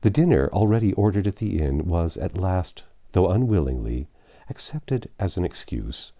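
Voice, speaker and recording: A man with a low voice performs an audiobook reading of classic literary fiction, his storytelling steady and full of expression.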